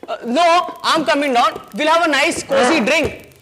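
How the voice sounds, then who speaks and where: A man's voice: very high-pitched, pushed and bright, exaggerated voice. A man playing a nervous young sculptor trying to cover up a mess. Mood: flustered. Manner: nervous and hurried. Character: flustered young male sculptor hiding things. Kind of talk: amateur stage comedy acting.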